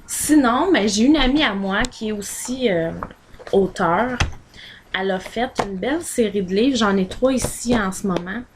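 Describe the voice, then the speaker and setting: In her home vlog, a Quebec woman with a Québécois French accent talks casually about books she recommends, holding things up to the camera and filling her rambling with fillers. Her mid-range voice keeps a moderate pace over a slight hiss or hum.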